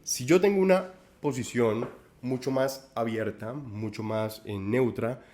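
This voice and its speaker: A man's voice: medium pitch, unhurried, a little mellow, a little hiss or hum. A man giving a corporate training talk, speaking directly to listeners with advice and correcting himself now and then. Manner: many self-corrections and repeated words.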